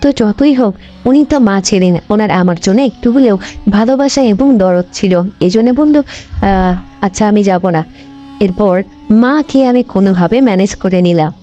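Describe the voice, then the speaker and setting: A woman's voice: mid-range voice, moderate pace. A woman telling a first-person life story, hesitant, with many fillers and restarts. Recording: dull lo-fi voice over background music. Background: soft background music.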